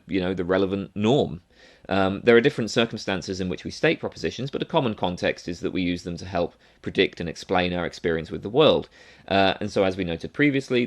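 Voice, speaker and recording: Deep-voiced man explaining philosophy. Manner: thinking aloud, frequent restarts and fillers, rhetorical "right?". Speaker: philosophy lecturer. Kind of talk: explanatory lecture monologue.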